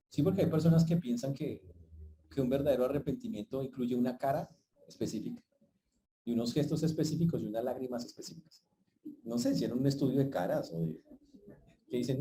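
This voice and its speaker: A man preaching a sermon to his congregation as pastor, often stopping to check in with a quick "¿ok?". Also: mid-range voice, mellow, low-quality recording.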